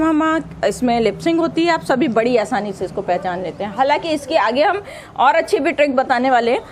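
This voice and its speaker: A woman's voice: high voice, slight background noise, rough recording. A woman teaching an exam-prep grammar lesson, patiently sounding out letters one by one and asking questions she then answers herself.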